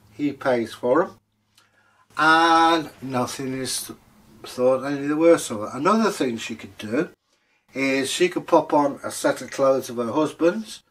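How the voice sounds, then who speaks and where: A storyteller with a medium-pitched, slightly bright voice tells folktales aloud and chats in an animated, theatrical, joking way, drawing out words for emphasis.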